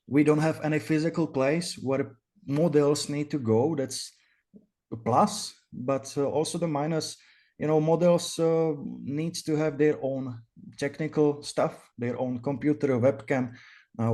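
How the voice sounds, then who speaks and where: A man's voice: fairly high pitch, darkish tone. Hesitant young Czech-accented man. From Czech Republic. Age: 20s. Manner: hesitant, halting delivery full of pauses. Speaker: interview guest, virtual cam studio owner. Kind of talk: casual interview answers.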